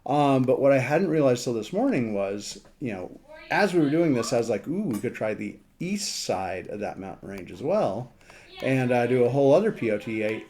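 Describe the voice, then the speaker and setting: Here a man walks through his screen informally, showing off a map as a ham radio operator. He sounds easygoing and mellow, mid-pitched, and muses aloud as he goes, pausing and restarting like someone chatting.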